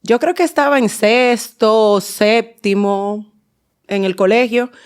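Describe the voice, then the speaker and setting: Smooth-voiced Dominican woman telling her story. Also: on the high side, slow. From Dominican Republic. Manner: warm storytelling with many fillers and restarts. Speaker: guest, endodontist and dental teacher. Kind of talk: podcast interview.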